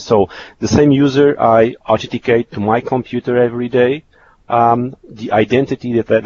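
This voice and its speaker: A man's voice: medium pitch, darkish tone. A man giving a technical webcast presentation, explaining slides in a hesitant, repetitive way. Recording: dull lo-fi webcast audio with hiss.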